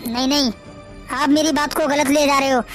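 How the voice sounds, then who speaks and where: A woman's voice: high voice, fairly even intonation, moderate pace, soft background music, lightly acted. A woman playing a firm young wife. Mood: earnest. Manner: earnest, lecturing.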